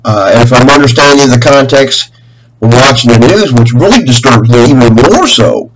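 A middle-aged man with a mid-range voice phones a government office to complain, delivering a spontaneous, rambling monologue that is aggrieved yet earnest, halting and repetitive, in long winding sentences. He's indoors in a small room at home, and the webcam recording is noisy with a hum.

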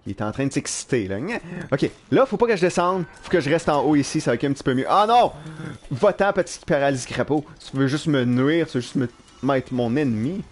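A young man with a Quebec French accent giving live gameplay commentary in an animated, self-mocking way, swearing casually. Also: medium pitch, brisk, slight background noise. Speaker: live streamer. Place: at work.

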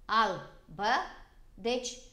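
A woman from Vojvodina with a local Romanian accent, teaching a school grammar lesson in a slow, deliberate way. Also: mid-range voice, lively intonation, sharp tone. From Vojvodina, Serbia. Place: broadcast TV lesson.

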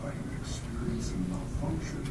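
A gentle care robot with a calm, mechanical, reassuring voice, speaking with polite, measured care. The game audio plays from speakers, so it sounds roomy and distant under a noisy layer. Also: male voice. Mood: calm caring. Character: gentle, protective male robot entertainer, large and kindly.

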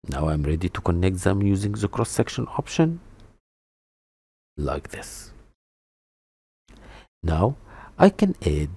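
Deep husky-voiced man teaching software. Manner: step-by-step, methodical, with restarts and a stumble over a word. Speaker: 3D modeling tutor. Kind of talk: screen-recorded software tutorial.

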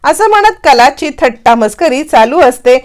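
A woman's voice: high voice, normal speed. A woman casually retells a TV serial episode, acting out the characters' lines as she goes. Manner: lively storytelling, acting out characters' lines in quotes. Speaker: serial recap narrator.

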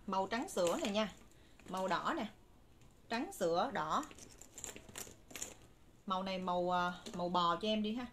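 A woman's voice: medium pitch, a bit bright. A woman in her thirties with a Southern Vietnamese accent, giving persuasive, repetitive live-stream sales patter to viewers from a room, into a phone. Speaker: live-stream shop seller. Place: indoor room with curtains and bagged stock. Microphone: phone a short distance away. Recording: noisy room recording on phone.

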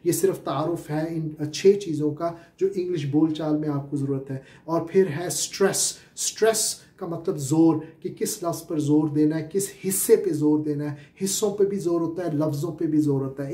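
A man's voice: a little high, mellow, roomy sound. A Pakistani-accented man teaching spoken English as a lecture, explaining step by step with many filler sounds and repeated questions. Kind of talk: classroom-style lecture.

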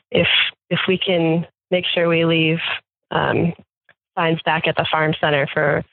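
A woman farm manager with a deep voice chats casually in an interview, full of fillers and restarts and laughing often. The recording comes through a tinny phone line and is dry, with no echo.

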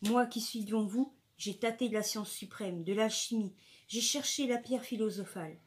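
A woman's voice: mid-range voice, moderate pace, lightly acted. A woman reading the lines of a fervent visionary monk with solemn, impassioned preaching.

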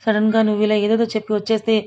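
A woman's voice: medium pitch, completely flat delivery, rapid-fire, mellow, muffled recording, close to an everyday voice. A woman reading the lines of a worried male friend who scolds and reassures. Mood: chiding. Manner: chiding, reassuring.

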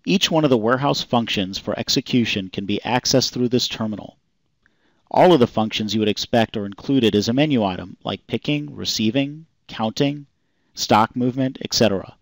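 A man calmly reading a scripted software demonstration voice-over in an even, explanatory way. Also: medium pitch, normal speed, gravelly, no echo. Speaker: software demo narrator. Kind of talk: scripted product demo narration.

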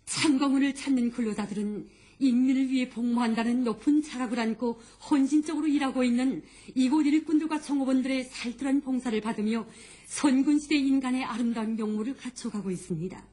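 North Korean newsreader woman, fairly high voice. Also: dark tone. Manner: formal, measured announcing. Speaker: news announcer. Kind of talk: scripted news narration.

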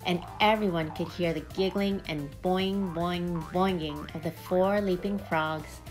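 A woman reading a children's picture book aloud in a gentle, expressive storytelling voice. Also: fairly low pitch, a little slow, faint music behind. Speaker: storybook reader.

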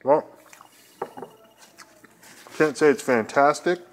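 His voice is a little high and slow: a middle-aged man hosting a laid-back home cooking video indoors at the kitchen counter. He narrates each step in a meandering, folksy manner packed with fillers, while cookware, pots, pans, and cans clatter loudly around him.

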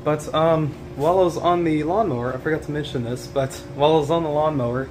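A young adult man vlogs his day with the camera held at arm's length, speaking fast in a fairly high voice. Congested from allergies, he rambles with lots of ums and restarts, moving from inside his house to outside it, with background noise present.

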